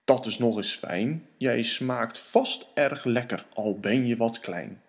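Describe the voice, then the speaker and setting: A man voicing a big, hungry, slow-witted male monster from a storybook audiobook, speaking slowly and savoring his words. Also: medium pitch, voice pushed down. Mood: greedy.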